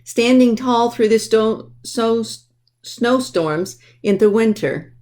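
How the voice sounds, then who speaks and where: Slow and on the high side, with a darkish tone and slight background noise, a woman reads a picture book aloud for a children's library storytime. She explains simply and talks straight to the little ones.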